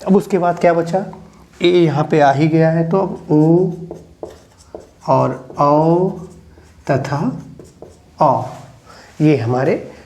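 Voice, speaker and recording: Male teacher, unhurried, repetitive step-by-step explainer, relaxed darker tone. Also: fairly high pitch, slight background noise. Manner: slow, repetitive, explains step by step with pauses and questions. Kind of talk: spoken Hindi grammar lesson.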